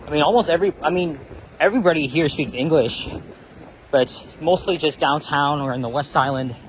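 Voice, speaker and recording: A walking tour vlogger chats casually as he walks a busy city street, rambling and restarting his phrases. His voice is a little high and fairly quick, the recording is low quality, and street traffic noise runs behind him.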